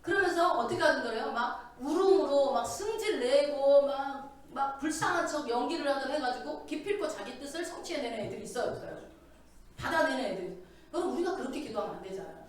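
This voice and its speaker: High, lively woman preaching in echoey church. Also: fast talker. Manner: animated, asks the congregation many questions. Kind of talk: sermon. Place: church sanctuary. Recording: very echoey hall, voice from a distance.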